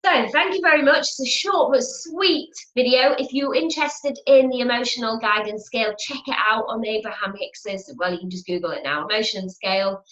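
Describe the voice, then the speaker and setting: A woman's voice: fairly high pitch, a little fast, few pauses, a bit bright. Chatty woman teaching in a roomy space. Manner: chatty, repeats phrases, acts out inner voices. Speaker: spiritual teacher. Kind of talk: motivational teaching talk to camera. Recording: roomy, dull lo-fi home video.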